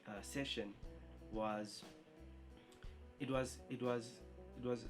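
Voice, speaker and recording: A man answering interview questions earnestly, halting and repeating words. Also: medium pitch, steady tone, music in the background.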